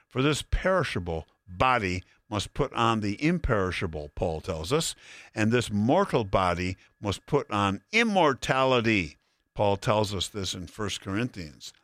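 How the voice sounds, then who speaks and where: A man preaching a sermon, expounding Bible verses in a deliberate, emphatic way to listeners. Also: mid-range voice, a bit bright, dry recording, clean studio sound. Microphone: broadcast sermon addressing listeners.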